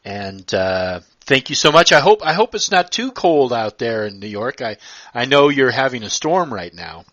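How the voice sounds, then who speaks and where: A man's voice: medium pitch, big pitch swings, normal speed, a bit bright, no room sound. A man hosting a casual live-streamed interview, talking hesitantly with many fillers and restarts. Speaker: podcast host. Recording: dull lo-fi dry sound.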